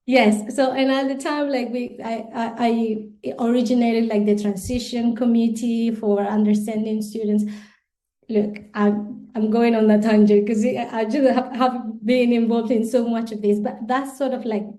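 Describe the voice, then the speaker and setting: This podcast guest, a woman from Colombia whose native language is Spanish, speaks a little slowly with a flat delivery. Her mellow voice is on the high side. She sounds thoughtful and keeps restarting and repeating words, laughing lightly now and then.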